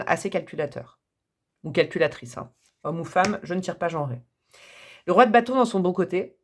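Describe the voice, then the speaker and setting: A woman with a French accent giving a casual, chatty tarot reading to her viewers, wandering off on tangents and laughing at herself. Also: medium pitch. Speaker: tarot reader.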